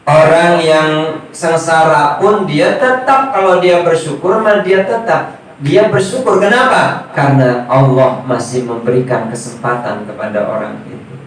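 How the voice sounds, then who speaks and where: Male preacher, storytelling sermon style, slightly high voice, distant mic with faint background noise. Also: unhurried, heavy reverb. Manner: animated storytelling, addresses listeners directly. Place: prayer room.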